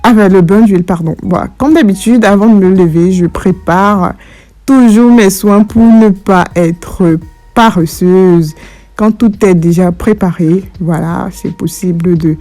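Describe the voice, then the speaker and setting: A woman's voice: mid-range voice, warm tone. A woman narrating a casual hair care tutorial, speaking informally and directly to her viewers. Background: faint background music.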